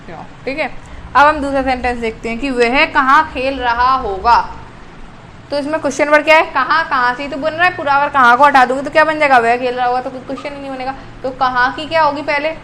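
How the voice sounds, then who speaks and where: High-voiced woman teaching grammar. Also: fairly even intonation, fairly quick, bright, forceful tone, slight background noise, rough recording. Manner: asks questions and answers them herself, slips and corrects herself. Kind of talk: classroom-style grammar lesson.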